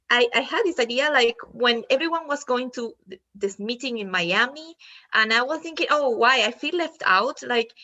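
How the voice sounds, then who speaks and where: Woman, Spanish accent, moderator, slow, hesitant, bright voice. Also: on the high side, highs cut off. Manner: hesitant, many fillers and restarts. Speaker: roundtable moderator. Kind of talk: casual online roundtable.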